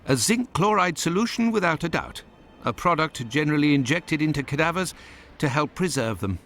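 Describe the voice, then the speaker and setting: A proper victorian doctor sidekick in a game, british, earnest, lots of up and down in the voice. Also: male voice, on the high side, lively intonation, brisk, a bit bright, a little hiss or hum. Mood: clinical, grave. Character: loyal, proper Victorian male doctor, detective's companion. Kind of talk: video game voice acting.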